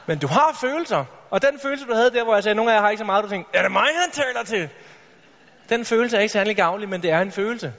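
A man giving an energetic motivational talk on stage, addressing the audience directly with rhetorical questions. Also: sits high, hardly any pauses. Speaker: motivational speaker. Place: large hall with a stage. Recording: reverberant hall, dull lo-fi sound.

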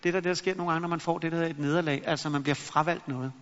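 A middle-aged man giving a motivational talk to an audience, a lively storyteller who acts out his anecdotes. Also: fairly high pitch. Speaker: motivational speaker. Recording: long reverb in a hall, dull lo-fi sound.

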